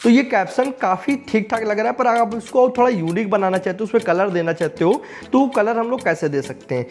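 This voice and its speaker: A man's voice: high voice, a little fast, a little hiss or hum. A young man explaining a coding tutorial step by step, often checking in with the viewer as he works on screen.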